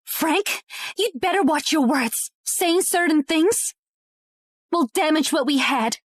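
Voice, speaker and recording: Snooty hot-tempered young lady, really high voice, accusing, drama dub, no room echo. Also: lively intonation, takes it slowly. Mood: scornful threat. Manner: indignant, confrontational.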